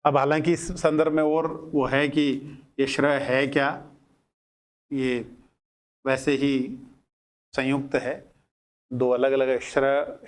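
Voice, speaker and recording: A man teaching grammar in a lecture, breaking words into single sounds and repeating them deliberately. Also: mid-range voice. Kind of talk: classroom lecture explaining at a board.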